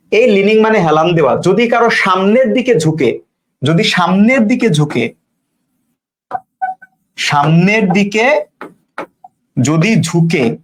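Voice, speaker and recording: A man teaching an English grammar class live online, repeating points and quizzing viewers with questions. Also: high-pitched. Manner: casual, teasing asides to commenters.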